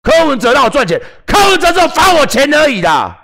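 Livestream host, Taiwanese man, middle-aged, heated profane rant, high voice with big swings. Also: wildly swooping pitch, fast talker. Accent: Taiwanese Mandarin. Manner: combative, profane, shouting at critics.

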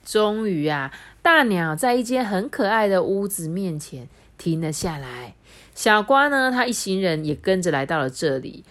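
Brief: Taiwanese Mandarin mother, animated bedtime-story reader. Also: medium pitch, moderate pace. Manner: lively, chatty storyteller explaining to a child. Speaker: mother reading to her child. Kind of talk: reading a storybook aloud.

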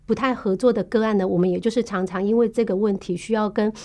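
A woman with a Taiwanese Mandarin accent speaks in a patient, explanatory way, stopping often on small fillers as she lays out medical procedures. Her voice sits at an ordinary middle pitch for a woman. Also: fairly even intonation, dark tone. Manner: patient, explanatory, measured with frequent filler pauses. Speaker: tuberculosis case manager. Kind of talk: podcast interview.

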